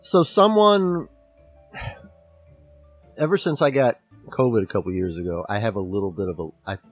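A man's voice: on the low side, normal speed, breathy edge, no echo, faint music behind. A man with a slight lisp, co-hosting a casual podcast chat about a book chapter and rambling with restarts. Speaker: podcast co-host.

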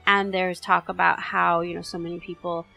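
A woman's voice: on the low side, little pitch movement, normal speed, gravelly, sharp tone, faint music behind, low-quality recording. A woman co-hosting a podcast in casual chat, explaining her ideas at length with fillers. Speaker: podcast co-host.

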